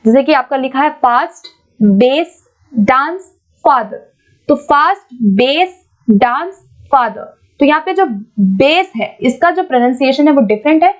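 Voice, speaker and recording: A woman teaching an exam-prep lesson, patiently explaining and reading English questions out slowly. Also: high voice, a little mellow, muffled recording. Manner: explains patiently, repeats points, keeps checking with "ठीक है".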